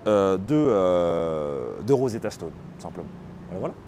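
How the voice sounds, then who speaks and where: Mellow-voiced man hosting a late-night stream. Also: deep voice, sing-song, moderate pace, a little hiss or hum. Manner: explanatory, hesitant, with many fillers. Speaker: livestream host. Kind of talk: casual live-stream chat.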